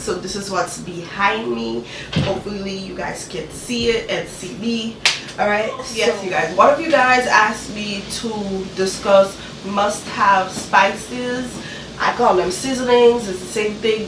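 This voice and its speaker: A woman with a cold hosts a laid-back cooking vlog, her voice congested and coming through her nose. Recorded at a distance in an echoey home kitchen with audible room hum, she keeps saying "okay" and "you guys" to her viewers. Her pitch sits in the middle.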